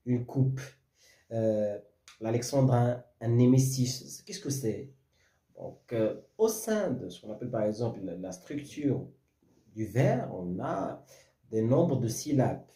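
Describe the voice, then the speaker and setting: A man's voice: mid-range voice, mellow, reverberant. A man teaching French verse, explaining step by step with many fillers and restarts, often checking whether the class follows.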